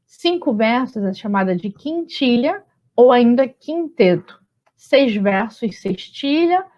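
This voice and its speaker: A woman's voice: fairly high pitch, expressive, slow, a little mellow. A woman teacher explaining step by step in a patient, explanatory manner, often checking in with her students. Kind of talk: recorded online lesson. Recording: muffled lo-fi audio.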